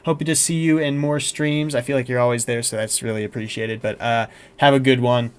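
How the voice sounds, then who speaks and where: A young man talking casually on a live stream, chatty and easygoing as he reads out chat messages between clips. His voice sits at an ordinary middle pitch, spoken into a desk mic at his computer. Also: fairly even intonation, brisk, smooth. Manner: chatty, reads chat and script aloud, frequent fillers. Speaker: streamer reacting to horror videos.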